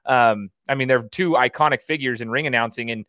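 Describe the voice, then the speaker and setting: A man's voice: mid-range voice, fairly quick, bright, forceful tone, clean tone, no room sound. A man hosting a casual interview podcast, chatting in an enthusiastic, rambling way. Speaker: podcast host.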